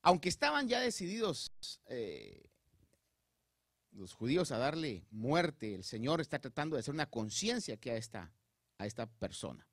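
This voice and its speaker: A pastor with a mid-range voice preaches in Spanish at a normal pace, captured at studio quality with no echo. He addresses his congregation directly and checks in with them often. His delivery is animated and preacherly, building with rising emphasis.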